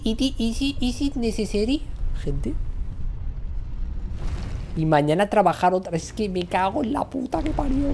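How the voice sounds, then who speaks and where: A woman's voice: fairly low pitch, mellow, slight background noise. A young woman with a Spain Spanish accent chatting and complaining dramatically while streaming a game, swearing freely. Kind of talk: live game stream commentary.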